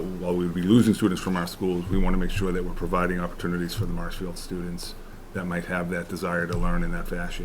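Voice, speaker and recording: A man explaining school costs at a town board meeting, halting and restarting as he goes. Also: low voice, background noise. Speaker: school official presenting to select board. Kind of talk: public meeting presentation.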